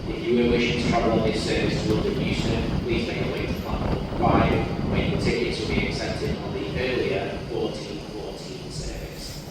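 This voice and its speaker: A man's formal announcement plays over a railway station loudspeaker, measured and even-toned. It rings out from far across a cavernous, echoing platform hall. Loud platform noise sits underneath it. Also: fairly low pitch. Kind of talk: formal public address announcement.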